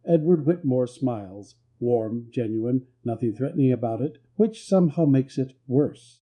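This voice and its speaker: A man narrating a scripted story in a calm, measured way. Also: mid-range voice, phone-quality sound.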